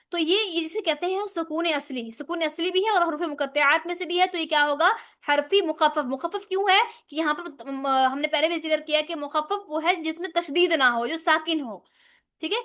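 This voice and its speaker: A woman teaching a tajweed lesson online, explaining step by step and checking with her students, with slow drawn-out recitation of letters. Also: high voice, fairly bright tone. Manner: explains step by step, often asks "right?".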